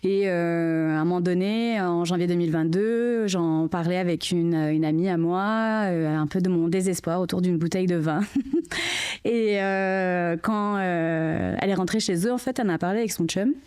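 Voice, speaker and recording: With a clean, darkish, lowish voice at normal speed, a woman from France recounts her experience as a mother of triplets. She is a podcast guest in a relaxed interview, her French accent clear and her speech packed with fillers like "tu sais."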